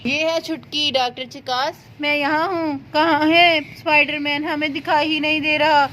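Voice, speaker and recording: A woman's voice: sits high, level tone, pushed and bright, slight background noise. A woman narrating and playing out a doll story in a cheerful, exclamatory way. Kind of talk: playful doll play storytelling.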